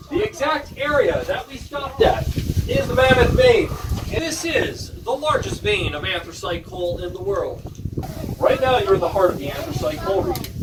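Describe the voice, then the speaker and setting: A man guiding a tour deep underground in a coal mine, explaining as he points things out, his voice bouncing off the tunnel walls. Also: recorded from a distance. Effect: cave echo of an underground tunnel. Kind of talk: guided tour talk. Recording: echoey tunnel, voice off-mic, noisy.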